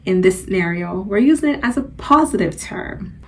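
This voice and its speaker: A young woman from Antigua, born in Guyana, chatting casually to her channel in a relaxed, rambling way. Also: medium pitch, moderate pace. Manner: chatty, relaxed, loose with fillers. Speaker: channel host. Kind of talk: casual personal vlog.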